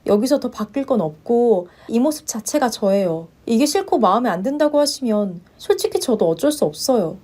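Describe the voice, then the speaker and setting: A woman's voice: a little high, expressive, mellow. A woman as a polite, long-suffering young wife. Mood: firm. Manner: polite and measured, firm when pushed. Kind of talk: story narration with voiced roles.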